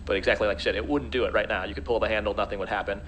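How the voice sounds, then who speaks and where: A man's voice: fairly low pitch, steady tone, racing, a bit bright. A man giving live expert commentary in a conversational, explanatory way. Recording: faint background noise.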